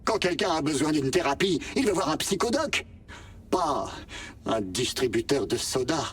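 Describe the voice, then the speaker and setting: A man playing a gentle, wry, talking vending machine in a French video game, polite and theatrical in manner. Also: on the high side, very animated, moderate pace, slightly rough, far from the mic, full character voice. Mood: wry, candid. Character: chatty sentient male vending machine AI, gentle, wistful, wry.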